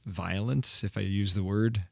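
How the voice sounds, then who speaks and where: Hoarse priest hosting a podcast. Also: male voice, lowish voice, fairly even intonation, a little slow, dry recording, clean studio sound. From Maryland. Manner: light-hearted, chuckles while talking. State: hoarse from a head cold. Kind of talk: casual podcast chat.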